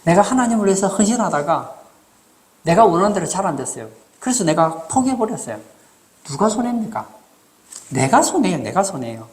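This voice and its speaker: A man delivers a sermon from the pulpit in an animated, lively voice that rises and falls widely. He leans on rhetorical questions and acts out short quoted lines for the congregation. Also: high-pitched, brisk. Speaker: pastor.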